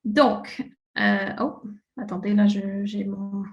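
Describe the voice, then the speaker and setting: A woman's voice: medium pitch, fairly even intonation, takes it slowly, reverberant, lo-fi sound. A Swiss-French woman gives a casual live webinar presentation, chatty and full of fillers. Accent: French-speaking Swiss, speaking in a French way. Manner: casual and chatty, many fillers, laughs at slips.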